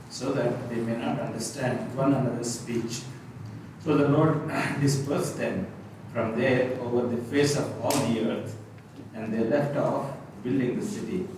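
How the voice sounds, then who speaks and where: Man, reading scripture aloud, steady, far from the mic, very echoey room, audible hiss. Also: mid-range voice, a little slow. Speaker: scripture reader in a Bible study.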